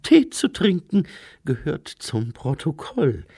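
A man's voice: fairly high pitch, very animated, slow pace, dark tone, slightly rough, no echo, clean studio sound, voice pushed up, heavily acted. A man reading aloud and voicing a prim, insistent noblewoman in a raised, lilting voice, for a storybook.

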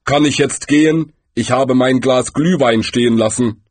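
Storybook Death, calm and weary, slow-spoken, a male reader doing him, husky and dry. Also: medium pitch, no room sound, voice pushed up, lightly acted.

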